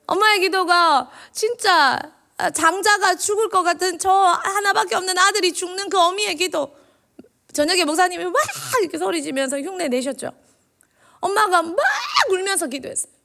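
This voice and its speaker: A woman serving as a children's minister delivers a lively church sermon, quizzing the kids with questions. Her voice is very high and creaky.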